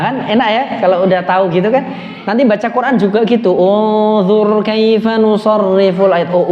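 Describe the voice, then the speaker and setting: A man with a Javanese-tinged Indonesian accent teaching Arabic grammar to a class, quizzing students and chanting phrases slowly. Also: on the high side, lo-fi sound. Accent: Indonesian, with Javanese words. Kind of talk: classroom lesson. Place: mosque hall. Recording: echoey, reverberant hall.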